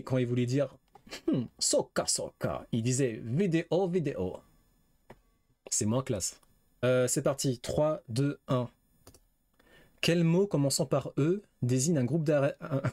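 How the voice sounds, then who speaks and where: Dry-voiced streamer guessing quiz answers. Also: male voice, mid-range voice, mellow, no room sound. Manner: reads questions aloud, guesses, swears casually. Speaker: gaming streamer. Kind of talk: casual live quiz game commentary.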